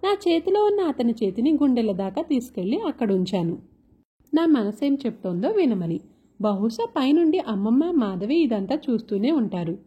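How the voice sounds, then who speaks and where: Lively, husky woman storyteller. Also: fairly high pitch, moderate pace. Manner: emotive first-person narration. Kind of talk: expressive story narration. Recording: dull lo-fi recording.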